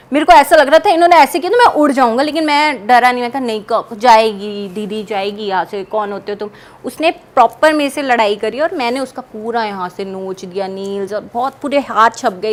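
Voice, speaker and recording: A young woman telling an interviewer about a personal paranormal experience, animated and vivid, acting out what others said. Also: on the high side. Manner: animated, vivid storytelling with quoted dialogue. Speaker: guest.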